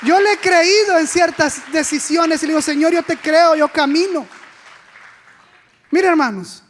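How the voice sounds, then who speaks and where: A woman with a high voice preaches an animated sermon. She puts rhetorical questions to the congregation and acts out the quoted speech. Her voice rings with the long reverb of a church sanctuary.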